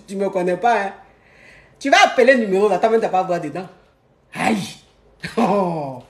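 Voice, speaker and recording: A woman with an Ivorian French accent recounts a story in a casual, animated way, slipping into the voices of the people she quotes. Her voice sits at a middle pitch for a woman and rings with a roomy echo.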